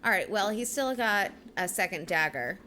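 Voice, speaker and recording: A woman's voice: mid-range voice, lively intonation, moderate pace, sharp tone. A woman game master narrating and improvising a tabletop role-playing game. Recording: faint background noise.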